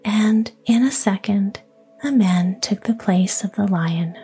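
A woman whispering a fairy tale in a slow, hushed, even storytelling manner, ASMR style. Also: medium pitch, soft background music. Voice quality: breathy whisper.

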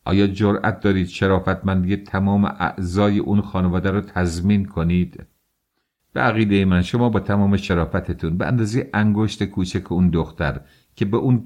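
In an audiobook, a man with a low, slightly mellow voice plays a haughty middle-aged suitor. The character speaks in a stiff, contemptuous and measured way.

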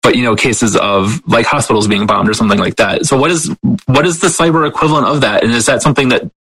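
A man's voice: mid-range voice, fast, fairly bright tone, husky, no room sound, poor audio. A man hosting an interview who talks hesitantly with many fillers and nervous laughs. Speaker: host. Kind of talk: conversational interview.

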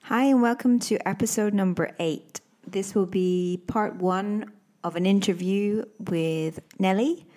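A woman's voice: medium pitch, measured pace, a little mellow. A woman hosting a conversational podcast interview, talking like an English tutor.

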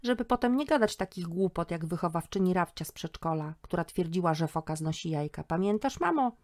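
A woman's voice: lowish voice, expressive, a little fast, a little mellow, no echo, studio quality. A woman voicing an earnest, outspoken schoolgirl in a storybook reading, her voice raised well above her own. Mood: lively. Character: bright, outspoken schoolgirl daughter.

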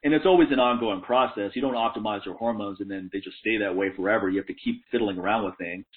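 A man in his forties talks fast and with conviction on a casual podcast, his voice sitting a bit low. He sounds sure of himself and drops the odd swear word. The audio is thin and narrow, like a phone line. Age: 40s. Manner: emphatic, self-assured, swears. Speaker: podcast co-host, fitness coach.

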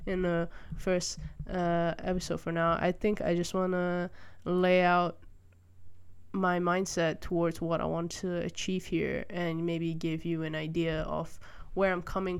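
A young Malaysian podcast host speaks with a lowish voice and a clean tone. In her casual solo monologue she thinks aloud about her views, hesitant and prone to fillers and restarts. She sits by a window in a room, rain falling outside.

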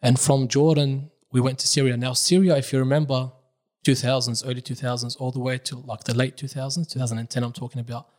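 Chatting casually on a podcast, a young Iraqi-born man who is a religious reciter recounts his life, sprinkling Arabic phrases into his speech. He talks at a quick pace in a mid-range voice.

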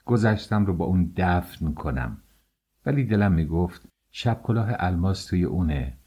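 A man reading a novel aloud as an audiobook, telling the story in a measured first-person voice. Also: deep voice, mellow, slightly rough. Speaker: audiobook narrator.

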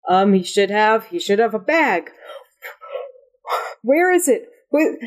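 A woman voicing a panicky male wizard who stammers and rushes his words in a frantic, breathless way. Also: sits high, voice pushed up, close to an everyday voice. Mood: panicked.

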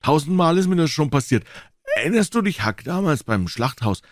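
A man voicing Joe, a cheeky, boastful young boy with a high, eager voice. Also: big pitch swings, fairly quick, no room sound, clean studio sound. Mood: bragging.

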